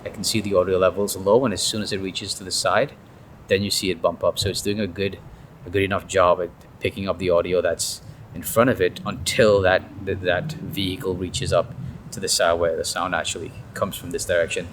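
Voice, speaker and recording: A man's voice: low voice, flat delivery, fairly quick. A man chatting casually as he tests gear outdoors beside a car, his voice run through a noise-cancellation filter. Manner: chatty, explains while testing gear. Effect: noise-cancellation filter processing the voice. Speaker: tech reviewer. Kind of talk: casual gear review vlog. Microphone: camera-mounted shotgun microphone.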